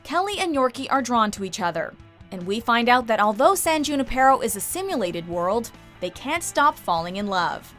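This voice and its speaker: A woman's voice: a little high, big pitch swings, normal speed, over music. A woman reading scripted narration as the narrator of a countdown video.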